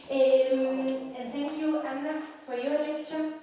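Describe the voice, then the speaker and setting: A woman in her thirties with a Danish accent, giving an academic lecture in an unhurried, thoughtful way with frequent pauses. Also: high-pitched, level tone, dark tone, a little hiss or hum. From Denmark. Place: large lecture hall. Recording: echoey hall, distant mic.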